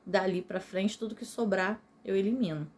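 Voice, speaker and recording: A woman's voice: medium pitch, normal speed, darkish tone. Patient Brazilian woman teaching a video lesson. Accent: Brazilian Portuguese. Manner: patient, explanatory, often checks in with "tá?".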